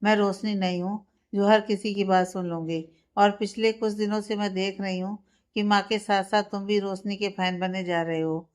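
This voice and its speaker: A woman voicing a proud young wife who answers back defiantly, in a smooth, clear voice. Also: medium pitch, steady tone, normal speed, natural voice. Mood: indignant. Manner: defiant, indignant.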